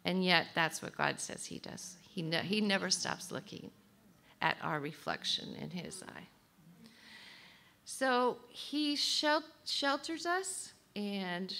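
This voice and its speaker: A woman teaching a sermon at a conference, checking in with her listeners and reading song words softly. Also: medium pitch. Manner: slow, warm teaching with audience prompts; reads song lyrics softly. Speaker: speaker at a women's conference.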